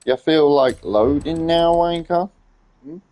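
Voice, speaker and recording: A man's voice: a little high, slow pace, warm tone. A man giving casual gameplay commentary as a streamer, irritated and swearing as he complains at the game.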